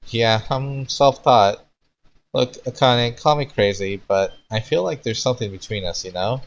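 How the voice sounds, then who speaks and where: A man's voice: lowish voice, animated, normal speed, vocal fry, lo-fi sound, voice pushed up. A man voicing a lost, nervous, earnest martial artist in his late twenties from a fanfiction story.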